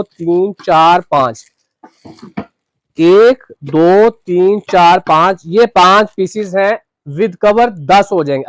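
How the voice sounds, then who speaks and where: A man, a shopkeeper chatting casually through a cookware demonstration, adding "ji" to his phrases. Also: high voice. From Pakistan. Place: shop.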